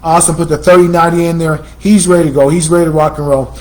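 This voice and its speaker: American man, computer shop host, chatty, repetitive sales patter, higher-pitched voice. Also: steady tone, very fast, a little mellow, poor audio. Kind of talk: casual promotional talk.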